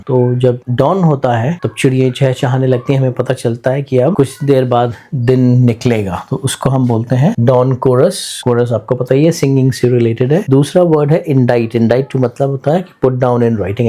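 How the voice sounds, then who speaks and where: Male English teacher, dark mellow voice, reads text slowly, then explains in a mix of two languages. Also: mid-range voice. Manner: stresses pronunciation and word roots. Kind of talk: bilingual classroom-style lesson explaining a textbook story.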